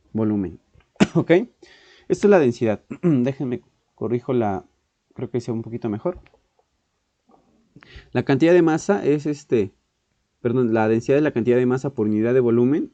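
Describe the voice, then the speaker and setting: A man teaching a physics class, often clearing his throat, correcting himself and checking in with "ok". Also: medium pitch, mellow, dry recording, muffled recording. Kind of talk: online exam-prep physics lesson.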